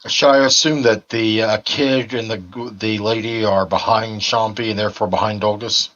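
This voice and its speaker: A man playing a tabletop game online, asking deliberate questions with some hesitation. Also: on the low side, fairly even intonation, fairly bright tone. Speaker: player. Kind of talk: casual tabletop game chat. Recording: dull lo-fi mic.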